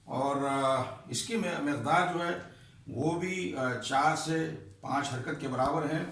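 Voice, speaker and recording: Man, recitation teacher, fairly high voice, patient explaining, drawn-out chanted examples, strong room echo, a bit off-mic. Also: fairly bright tone, recorded from a distance. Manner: patient, repeats terms slowly, checks understanding with "ٹھیک ہے"; demonstrates by stretching vowels in chanted examples. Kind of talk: explaining recitation rules at a board.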